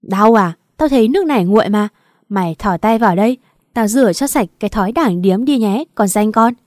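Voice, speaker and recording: A woman voicing a cruel older mother-in-law who hurls abuse in a loud, raised voice. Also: medium pitch, lively intonation, a little fast, no echo, clean studio sound, close to an everyday voice. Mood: venomous, screaming. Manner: abusive, shouting insults.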